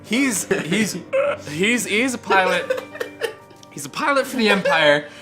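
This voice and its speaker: Tipsy male reviewer, rambling and sweary, very animated delivery over background music. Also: high voice, measured pace. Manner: drunk, rambling, getting drunker; profane, ranting. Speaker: movie reviewer. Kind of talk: casual comedic film review chat.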